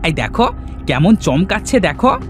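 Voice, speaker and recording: A man's voice: sits high, big pitch swings, moderate pace. A sly bandit henchman. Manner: eager, sly. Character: eager adult male bandit henchman. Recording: faint music behind the voice.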